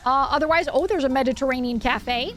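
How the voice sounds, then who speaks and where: A woman streams with a notably high voice and a cute, enthusiastic anime-streamer manner. She talks casually to her viewers and reads aloud with asides. Faint noise sits behind her voice. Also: a little fast, a bit bright. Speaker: horror livestreamer. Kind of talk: casual livestream chat, reading aloud with asides. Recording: clear background noise.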